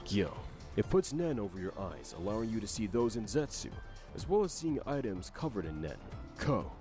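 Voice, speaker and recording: A man narrates a scripted game explainer in a fairly low voice at a moderate pace. His intonation is lively, and faint music plays in the background.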